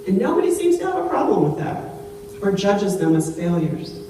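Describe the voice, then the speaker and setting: Pastor at the pulpit mic, chatty storytelling sermon, booming church echo, set back from the mic. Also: big pitch swings, moderate pace. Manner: conversational storytelling, asks the congregation questions. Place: church sanctuary. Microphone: pulpit microphone. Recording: very echoey church, distant mic, faint hum.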